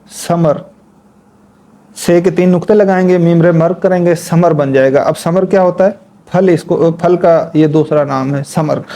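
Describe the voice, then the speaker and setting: Male tutor, mellow and a little high-pitched, patient, spells words out slowly during the lesson. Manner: talks while demonstrating at a board. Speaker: Urdu writing teacher. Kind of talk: instructional lesson.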